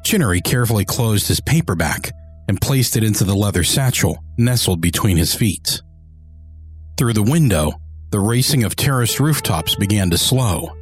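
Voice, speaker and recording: A man's voice: fairly low pitch, expressive, normal speed. A man narrating a written story in a literary audiobook style. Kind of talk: dramatic scripted story narration. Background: music score.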